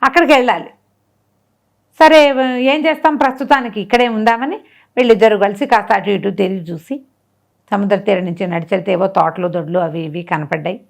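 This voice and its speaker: Speaking briskly at a medium pitch with some vocal fry, a woman storyteller animates a folk tale conversationally, tossing out rhetorical questions and performing the dialogue herself.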